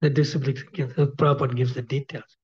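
Husky-voiced man giving a devotional lecture. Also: mid-range voice, flat delivery, fast talker. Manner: repeats key phrases, asks the audience questions. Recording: dull lo-fi recording.

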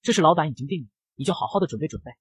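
A man reading a pushy middle-aged hotel manager in a comic recap, quick to scold. The reading is very fast and husky, with a dry sound. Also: on the high side, lively intonation, no room sound.

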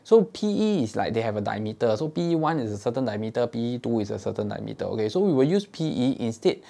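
Fast, very animated, and gravelly with a dark tone, his medium-pitched voice drives a casual gear tutorial for a fishing tackle shop channel. The Singaporean-accented host, in his thirties, shows each item with his hands, explains step by step, and asks "okay?" on camera, captured via lapel mic in a small indoor studio.

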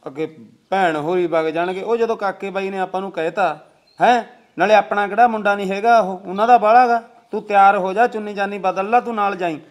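A man playing a younger husband in a village family who talks loudly and insistently, with a Punjabi village accent. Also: sits high, brisk, close to an everyday voice. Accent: Punjabi village speech. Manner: loud, insistent, arguing.

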